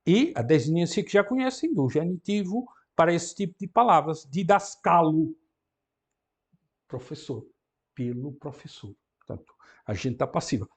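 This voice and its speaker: A man teaching a Greek class, who explains each point step by step, reads Greek words slowly and repeats them, and often asks "não é?". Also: fairly high pitch, sing-song, slightly rough. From Brazil. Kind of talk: university lecture.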